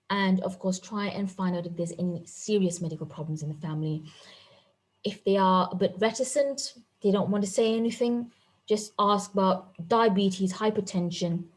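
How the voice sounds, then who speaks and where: Woman, tutor, instructive, clear, voice a little off. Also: on the low side, darkish tone, low-quality recording. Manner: clear, instructive, repeats key points. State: voice a bit off. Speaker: medical teacher. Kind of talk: online teaching session.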